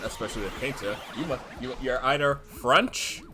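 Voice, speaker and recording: A man's voice: medium pitch, normal speed, over music. A man casually commenting on a video game with friends, joking and rambling with restarts. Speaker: let's play commentator.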